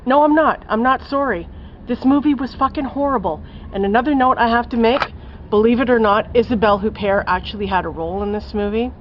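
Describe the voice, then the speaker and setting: A woman's voice: fairly high pitch, fairly quick, lo-fi sound, a little hiss or hum. A woman giving a casual spoken film review, blunt and profane, ranting with lots of fillers. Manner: blunt, profane, scathing rant with many fillers.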